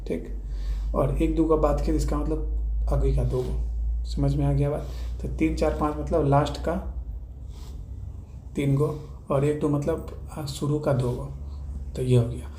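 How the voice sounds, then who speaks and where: A man's voice: a little high, steady tone, unhurried, long pauses, dark tone. Echoey Bihari-accented male teacher drilling. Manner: repetitive question-and-answer drilling. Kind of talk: classroom-style grammar lesson. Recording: echoey room with faint ambient noise.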